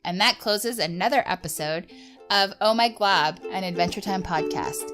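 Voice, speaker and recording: A woman's voice: mid-range voice, normal speed, music in the background. A woman co-hosting a podcast in casual chat, talking loosely with lots of "like" fillers. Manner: chatty, many "like" fillers. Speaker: podcast co-host.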